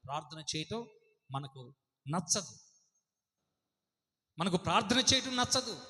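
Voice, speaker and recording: A man's voice: sits high, big pitch swings, unhurried, sharp tone. A man preaching a sermon with a Telugu accent, fervent and asking the congregation question after question. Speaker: pastor. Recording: long hall reverb.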